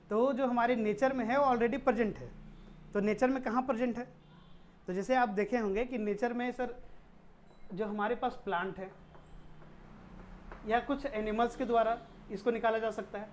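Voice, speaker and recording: Teaching chemistry in a classroom style, a woman poses questions and answers them, slipping English technical terms in. She speaks at a moderate pace with frequent pauses, in a fairly high, slightly mellow voice.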